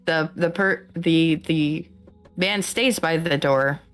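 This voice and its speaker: A woman game master narrates in a low voice at a slow pace. She improvises haltingly, feeling for the next word, over faint background music. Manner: halting, searching for words.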